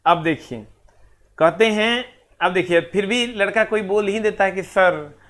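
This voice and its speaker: Man, online exam-prep teacher, high voice, chatty scolding tone, sing-song counting. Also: normal speed, a bit bright. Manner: chatty, scolding yet affectionate, talks straight to students.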